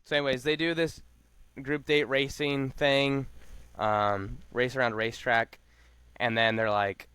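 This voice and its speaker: A man's voice: mid-range voice, flat delivery, a bit bright, clean tone, no room sound. A man co-hosting a podcast, chatting casually and slangily as he recaps a reality show. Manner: laid-back, slangy, talks fast with lots of fillers. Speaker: podcast co-host.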